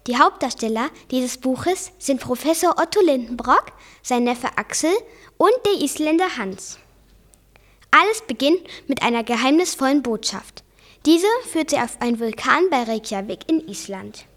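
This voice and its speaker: A student reading a novel aloud with a careful, deliberate read-aloud delivery, introducing the book and narrating the story. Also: female voice, high-pitched, expressive, fairly bright tone. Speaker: student reader.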